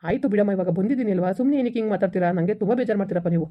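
A woman playing a defensive, sulky grown son in a village family skit, talking back in rapid complaints. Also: mid-range voice, highs cut off, lightly acted.

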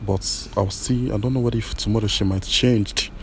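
A man, gently consoling a woman on a blind date, halting and repeating his apologies. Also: lowish voice, steady tone, slight background noise. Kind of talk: emotional unscripted conversation.

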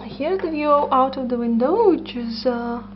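Filming on a handheld camera with its own mic, a woman in her thirties tours a compact loft studio indoors, hesitating often as she describes the space. She has a high voice and an unhurried delivery, and the lo-fi audio carries a slight background noise.

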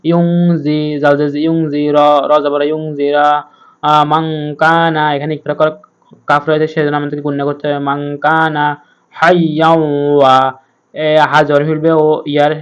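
Man, patient recitation teacher, letter-by-letter lesson, flat even delivery, smooth clear voice. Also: fairly high pitch, moderate pace, long pauses, muffled recording. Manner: patient, spells each letter and sound aloud. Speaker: Quran reading teacher. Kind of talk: slow spelled-out recitation lesson.

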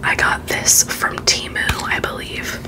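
Whispering woman, casual ASMR beauty chat. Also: measured pace. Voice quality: soft unvoiced whisper. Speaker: beauty vlogger.

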